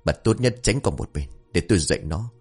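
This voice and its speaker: A man's voice: low-pitched, animated, brisk, a little mellow, breathy edge, soft background music. A man voicing a stern, angry middle-aged father in a read-aloud family story, scolding harshly. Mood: furious.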